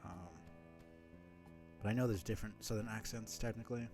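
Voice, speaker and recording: A man's voice: lowish voice, fairly even intonation, brisk, music in the background. A man from New York City streaming a game, thinking aloud in a rambling, filler-heavy way. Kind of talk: let's-play commentary.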